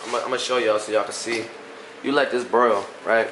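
Speaking fairly quickly with a fairly low pitch and fairly even intonation, this young Louisiana man banters and teases in a relaxed, joking manner while cooking for his vlog at home. The sound, caught by a phone camera on the counter, is echoey with noise in the background.

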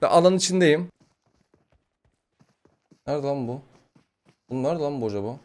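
A man giving casual, excitable gameplay commentary, swearing, joking and trash-talking his opponents. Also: a little high, moderate pace. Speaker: gaming YouTuber.

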